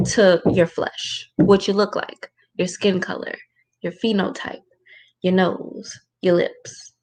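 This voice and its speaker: Woman, spiritual teacher running a casual at-home Q&A, informal and rhetorical, voice held low. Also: a little mellow. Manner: informal, rhetorical, keeps asking "right?"; keeps her voice lowered. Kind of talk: casual livestream talk with Q&A. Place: room at home.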